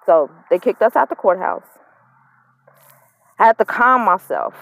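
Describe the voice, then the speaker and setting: A woman's voice: medium pitch, lively intonation, unhurried, vocal fry, a bit bright, no room sound. A woman in her thirties telling the story of her custody fight straight to camera. She is frustrated and near tears, and she repeats her points with emphasis. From not from Mississippi, lived up north. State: emotional, holding back tears, smoking. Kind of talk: casual direct-to-camera vlog.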